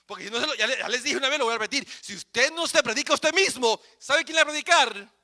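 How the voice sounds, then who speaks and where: A man preaching a sermon as pastor, fervent and emphatic, repeating words in bursts and swinging between loud declarations and quiet asides. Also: very high voice, fast talker.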